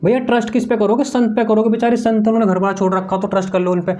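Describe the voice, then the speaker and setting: A man's voice: high voice, little pitch movement, quick pace, dark tone, muffled recording. Guy doing exam mnemonic tricks, keeps asking and answering himself, writes on a board as he goes. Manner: repeats each answer as a question-and-answer drill, calls students "bhaiya"; talks while writing on a board. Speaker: exam coaching teacher.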